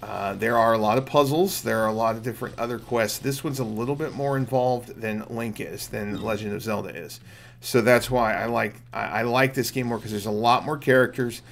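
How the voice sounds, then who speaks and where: A middle-aged man hosts a game stream, chatting casually and explaining things to viewers as he plays with game music in the background. He talks fairly quickly in a mid-range voice with vocal fry.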